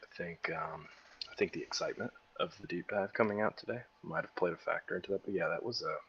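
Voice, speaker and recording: A man's voice: sits low, fast talker, fairly bright tone, breathy edge, highs cut off. A tired-sounding man co-hosting a casual livestream, joking and sarcastic. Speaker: co-host.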